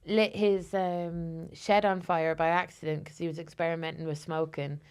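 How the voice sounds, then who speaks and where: A woman with an Irish accent, a comedian guest in a casual chat, chatty and quick to swear and laugh. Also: lowish voice, level tone, a little mellow, clear, resonant tone. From Ireland.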